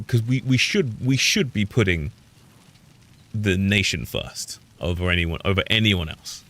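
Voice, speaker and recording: His voice sits on the low side with a touch of brightness. He's a British man giving loose, opinionated commentary on a game he's streaming, trailing off and restarting as he goes.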